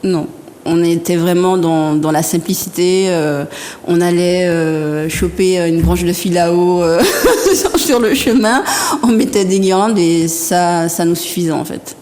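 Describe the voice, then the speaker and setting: A woman in her thirties from Martinique, a guest artisan telling her story in a soft, hesitant, often laughing way. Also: lowish voice, fairly even intonation, a little slow. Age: 30s. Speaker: guest artisan and interior decorator. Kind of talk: casual interview talk. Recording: reverberant room with faint background noise.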